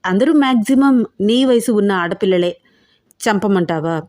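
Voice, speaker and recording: A woman voicing a possessive, menacing male gangster who talks in a smooth, wheedling way. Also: medium pitch, lively intonation, moderate pace, a little mellow, lightly acted. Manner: smooth, wheedling then threatening.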